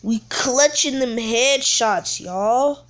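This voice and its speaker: A woman's voice: on the high side, drawn-out words. A woman streaming a shooting game, giving slangy casual commentary broken up by gasps and squeals.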